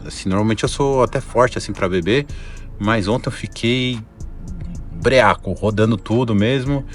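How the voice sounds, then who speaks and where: A man's voice: on the low side, moderate pace, soft background music. A man with a Brazilian Portuguese accent, hungover and worn-out, talking casually as he hosts an explanatory vlog. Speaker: video channel host.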